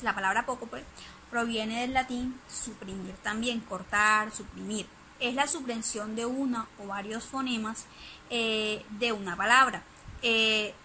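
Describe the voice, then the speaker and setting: A woman's voice: fairly high pitch, pushed and bright, slight background noise, rough recording. A woman giving a spoken lesson presentation, hesitant, with many fillers and restarts.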